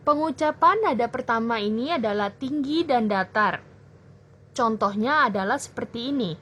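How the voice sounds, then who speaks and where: A young woman tutoring children in a language lesson, explaining clearly and patiently. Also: a little high, animated, fairly bright tone. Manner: slow, clear teacherly explaining. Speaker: Mandarin tutor.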